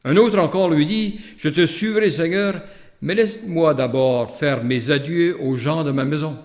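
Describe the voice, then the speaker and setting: With a slightly high, unhurried voice, a man with a Canadian French accent gives a homily as a priest. It combines a gospel reading with reflective, conversational storytelling, an anecdote, and hesitant asides.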